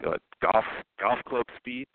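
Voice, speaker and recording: A man from the New York area calling in over the phone to a sports talk show, chatting in an upbeat, animated way as a speed coach. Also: mid-range voice, unhurried, creaky, no echo. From New York area, Long Island. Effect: heard over the phone. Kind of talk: casual call-in chat. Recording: tinny, dry phone line.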